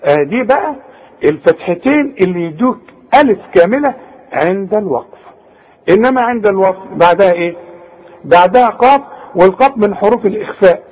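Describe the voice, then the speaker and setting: A man's voice: sits high, animated, a little fast, long pauses, darkish tone, poor audio. A man with an Egyptian Arabic accent teaching Quran recitation rules, speaking directly to the student and demonstrating each word. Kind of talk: tajweed lesson.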